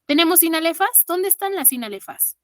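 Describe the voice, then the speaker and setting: A woman's voice: very high-pitched, animated, fairly quick, no echo, clean studio sound. A woman with a Mexican accent teaching an online exam-prep class, counting syllables aloud and praising her students patiently.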